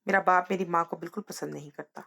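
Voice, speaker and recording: A woman's voice: on the low side, fairly even intonation, fast, creaky, a bit bright, husky, heavily acted. A woman voicing a brash teenage boy coaxing his friend in a spoken story.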